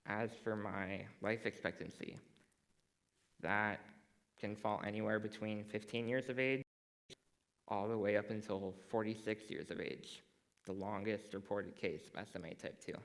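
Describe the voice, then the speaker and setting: Low-voiced teenage boy giving a stage talk. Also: steady tone, fairly bright tone, low-quality recording. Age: teens. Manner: dry self-deprecating humor, measured delivery. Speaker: student speaker. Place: school auditorium stage.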